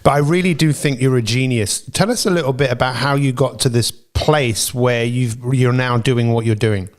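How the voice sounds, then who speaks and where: A man's voice: mid-range voice, moderate pace. A man hosting a casual interview, often repeating his first words as he starts a thought. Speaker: host.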